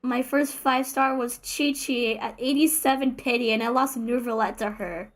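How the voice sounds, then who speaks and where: A woman's voice: fairly high pitch, steady tone, moderate pace. A woman streaming a game live, chatting casually in a rambling, self-mocking, joking way. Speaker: VTuber streamer. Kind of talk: casual live gaming chat.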